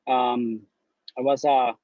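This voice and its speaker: A newly matched neurology resident from Honduras talks slowly in a mellow, medium-pitched voice with little pitch movement. As a guest in a casual video-call interview, he gives advice earnestly and bluntly, often repeating words. The slightly dull lo-fi recording has no echo.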